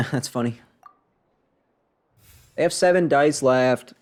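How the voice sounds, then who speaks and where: Slight background noise and game music sit under a medium-pitched male voice speaking slowly. He's a streamer giving casual live commentary, grumbling wryly as he addresses himself and the game.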